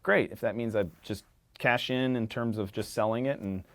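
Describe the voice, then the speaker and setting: A man chatting as a podcast guest, a rambling, animated storyteller who swears casually. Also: mid-range voice, normal speed. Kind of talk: casual conversation.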